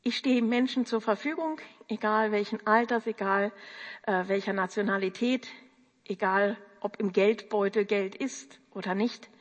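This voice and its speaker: A woman telling a personal story from her practice in an earnest, unhurried way, acting out the voices of the people in it. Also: medium pitch. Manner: slow, earnest, quotes others' voices. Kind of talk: storytelling talk. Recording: long hall reverb.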